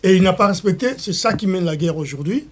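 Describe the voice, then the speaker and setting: A man's voice: high voice, lively intonation, fast talker. A man from Congo with a Congolese French accent, speaking as a political guest in an interview. He talks in an impassioned way, with stumbling restarts and repetitions, and mixes in Lingala phrases. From Democratic Republic of the Congo.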